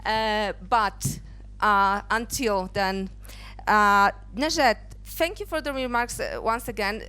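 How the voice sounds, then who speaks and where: A woman from Poland moderating a conference panel, asking halting questions full of fillers into a handheld mic. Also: mid-range voice, bright, forceful tone, smooth. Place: conference stage.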